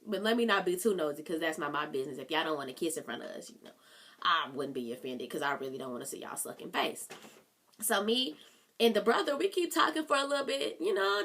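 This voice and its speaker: Bright-voiced young woman telling a story. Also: high-pitched. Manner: animated, exasperated storytelling with slang. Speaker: vlogger. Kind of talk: storytime vlog.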